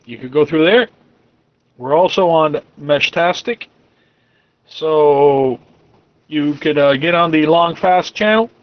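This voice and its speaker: A man acting as net control for an amateur radio club, heard over a radio link and calling stations in a relaxed, joking way. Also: a little high, dull audio. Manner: relaxed, joking, loose running commentary. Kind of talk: directed ham radio net, casual chat.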